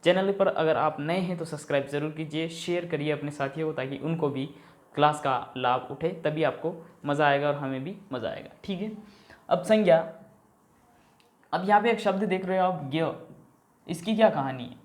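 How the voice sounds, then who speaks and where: A man's voice: a little high, normal speed. A man teaching an exam-prep grammar lesson. He poses questions, answers them himself, addresses viewers as companions and keeps checking in with a short "okay".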